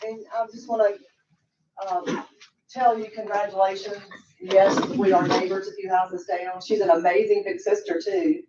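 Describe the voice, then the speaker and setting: A woman's voice: medium pitch, little pitch movement, moderate pace. A woman giving informal congratulatory remarks as a board member. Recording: echoey, distant, muffled, noisy.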